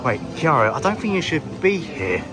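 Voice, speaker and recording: A man's voice: fairly high pitch, big pitch swings, moderate pace. A man hosting a casual theme park vlog outdoors, chatting in a playful, jokey way. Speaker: vlog host. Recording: loud music behind, outdoors.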